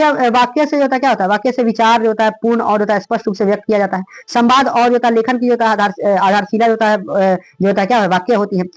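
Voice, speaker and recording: A man's voice: very high voice, dry recording, poor audio. A male teacher with a Bihari Hindi accent giving an exam revision lecture, asking rhetorical questions and answering them himself, with lots of filler phrases.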